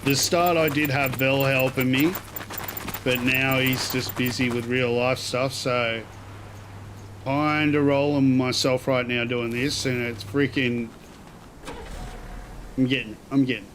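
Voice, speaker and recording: A man chats casually while streaming a game. He rambles and thinks aloud in loose slang at a middling pitch. There is clear machinery-like ambient noise behind his voice. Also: fairly even intonation, slow, pauses often, a bit bright. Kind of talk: casual live gameplay commentary.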